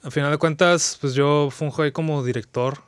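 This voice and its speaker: Young Mexican man, podcast guest, rambling slangy storyteller, crisp, dry sound. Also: fairly high pitch, fairly even intonation, fairly quick, no echo. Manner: slangy, rambling, many restarts. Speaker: podcast guest, video creator. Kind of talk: casual chat, retelling an anime plot.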